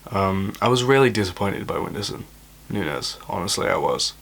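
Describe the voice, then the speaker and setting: A man's voice: sits low, animated, moderate pace, vocal fry. A young man, a boxer, casually reviewing a fight card to camera, keeping his voice down late at night, blunt and opinionated with lots of fillers. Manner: speaking quietly late at night.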